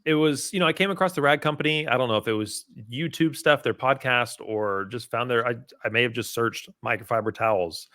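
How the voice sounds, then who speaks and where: Man, podcast guest, casual rambling talk, lots of fillers, mid pitch, dry close sound. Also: brisk, hardly any pauses, no echo. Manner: relaxed, rambling, heavy on "you know" and "um". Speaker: podcast guest, part-time car detailer. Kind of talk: casual conversation.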